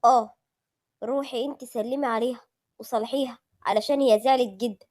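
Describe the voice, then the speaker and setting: A woman with an Egyptian accent voicing a calm young husband who speaks softly and soothingly. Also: fairly quick, no echo, natural voice. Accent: Egyptian Arabic. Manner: soft, low, soothing.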